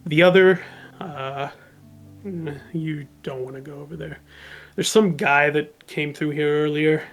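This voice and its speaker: A game master voicing an old, wise, silver-haired rat elder who speaks calmly and solemnly. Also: mid-range voice, faint music behind, close to an everyday voice. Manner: calm, slow, solemn warnings.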